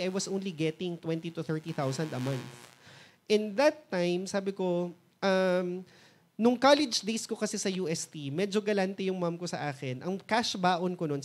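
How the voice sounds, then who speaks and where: A man in his thirties from the Philippines with a Filipino accent. He is a mentor telling his own success story, switching between Tagalog and English and acting out remembered conversations. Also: sits high. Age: 30s. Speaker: mentor and motivational speaker. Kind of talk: personal success story talk.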